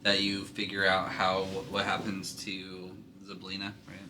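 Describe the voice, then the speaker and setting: A man's voice: deep voice, completely flat delivery, moderate pace, noisy background. A man playing a tabletop game, chatting casually with the group. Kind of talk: casual chat.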